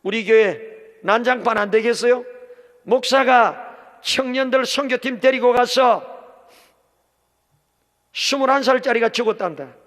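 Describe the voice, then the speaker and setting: A middle-aged man preaching a sermon as pastor, telling a story with swings from shouting to hushed speech. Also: extremely high pitch, a little slow, pauses often. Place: large church hall. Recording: long church hall reverb.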